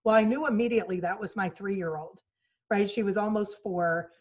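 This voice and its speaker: A woman in her forties speaks at a virtual retreat with an earnest storytelling manner, acting out quoted lines. Her voice sits at an ordinary middle pitch. The sound is a little dull and muffled, like audio from a video call. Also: moderate pace, darkish tone. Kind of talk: motivational talk. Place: home office. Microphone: video call mic.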